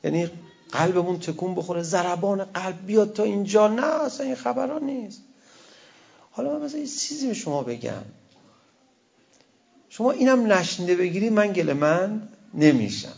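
A man's voice: sits high, expressive, creaky, pauses often, a little mellow. A man, a cleric, giving a conversational sermon with wry asides and quoted verse. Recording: dull lo-fi recording.

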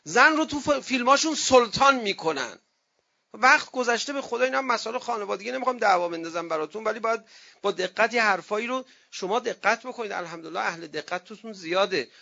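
A male cleric delivers a conversational sermon on marriage in a high, creaky voice, heard through lo-fi sound. A lively storyteller, he tells anecdotes and acts out the voices of the people in them.

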